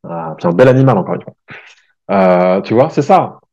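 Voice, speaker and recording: A man's voice: on the low side, big pitch swings, moderate pace, darkish tone. Chatty man telling a trip story. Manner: chatty, many fillers and restarts, addresses listener as "tu vois". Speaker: travel vlogger. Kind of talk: casual storytelling to the viewer. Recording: dull lo-fi sound.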